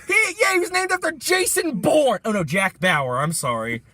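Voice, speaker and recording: High, animated man ranting about movies. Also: moderate pace, dry recording. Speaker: podcast co-host. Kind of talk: casual movie review chat.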